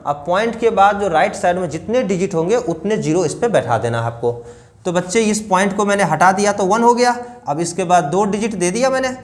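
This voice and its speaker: A man teaching a math lesson to children, explaining each step and often asking the class questions. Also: high-pitched.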